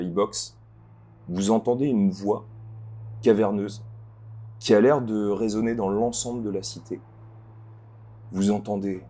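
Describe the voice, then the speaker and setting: A man's voice: lowish voice, mellow. A man narrating a tabletop role-playing game as game master, in a conversational way. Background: music.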